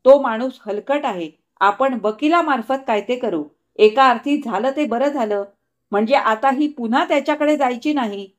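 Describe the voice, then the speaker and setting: A woman voicing an older father who calms his family in a firm, measured way, in a storybook reading. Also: fairly high pitch, lightly acted. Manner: measured, restraining.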